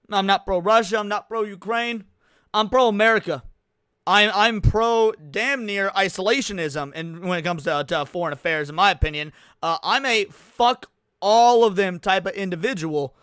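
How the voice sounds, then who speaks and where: A man's voice: high-pitched, a bit bright, smooth, no room sound, studio quality. A man hosting a live reaction stream, talking bluntly and casually with swearing, fillers and restarts. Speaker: livestream host.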